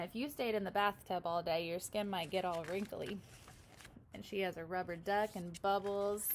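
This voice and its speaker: Her voice mid-range, a pre-K teacher in her twenties reads a picture book to young children from a small indoor room at home, with simple, expressive explanations and questions for them. The audio carries a little hiss or hum.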